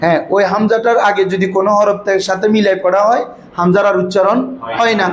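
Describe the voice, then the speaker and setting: A man's voice: high-pitched, fairly even intonation, fast talker. A man teaching an Arabic grammar lesson to students, prompting them to repeat answers back in call-and-response style. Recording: echoey room with background noise.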